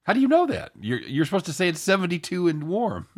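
A man's voice: high voice, huge pitch swings, brisk. A man hosting a live sports betting show in casual, jokey banter, irreverent and given to casual swearing.

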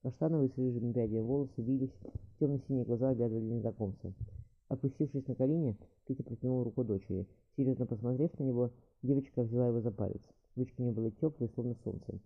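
A man reading a historical novel aloud at a steady, brisk clip. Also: mid-range voice. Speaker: audiobook narrator. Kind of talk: audiobook reading. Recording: thin phone-like audio.

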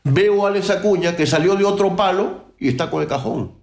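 A man's voice: high voice, a little fast, reverberant. A man from Peru, a guest percussionist, talking outspokenly and emphatically in a casual interview, with many restarts.

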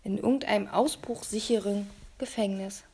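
A woman reads a children's adventure novel aloud, her voice mid-pitched with a gravelly, creaky grain. The storybook narration stays lively and slips into whispers now and then. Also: moderate pace. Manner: animated, dropping to whispers at times. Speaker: audiobook reader.

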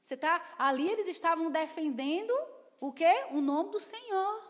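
High-voiced woman preaching in a reverberant church. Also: moderate pace. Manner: emphatic preaching, swinging from soft asides to loud declarations. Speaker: pastor. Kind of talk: sermon. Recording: long reverb of a church hall.

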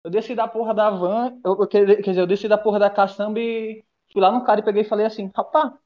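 Fast, high-voiced young man. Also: little pitch movement, highs cut off. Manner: rambling, profane, many restarts. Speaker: guest. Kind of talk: casual storytelling among friends. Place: bathroom, during an online class.

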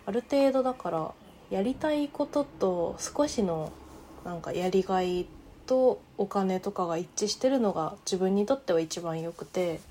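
A woman hosts a casual conversation in a relaxed, easygoing way, laughing often. Her voice sits in an ordinary middle range. A faint hiss of noise is heard behind her. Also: mid-range voice, normal speed. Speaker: host. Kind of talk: casual chat.

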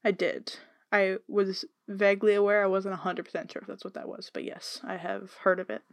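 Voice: mid-range voice, level tone, a little fast, gravelly, dry recording. A podcast co-host reacting with short, skeptical comments and questions in casual chat.

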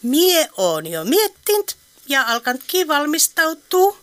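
A woman's voice: sits high, big pitch swings, a bit bright. An actress playing a dry, teasing elderly woman with an Eastern Finnish dialect in a radio play. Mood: wry. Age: older. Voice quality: wry, teasing.

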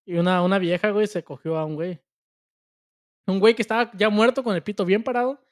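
A young Mexican man co-hosting a podcast, trading quick crude jokes and comebacks in casual banter. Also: high-pitched, fairly even intonation. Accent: Mexican Spanish. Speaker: podcast co-host.

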